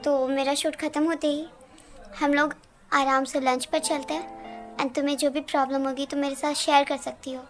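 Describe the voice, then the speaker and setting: A woman voicing a calm, caring young man in an amateur Hindi fan dub, speaking softly and reassuringly. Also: high voice, normal speed, lightly acted. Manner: soft, reassuring. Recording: faint music underneath.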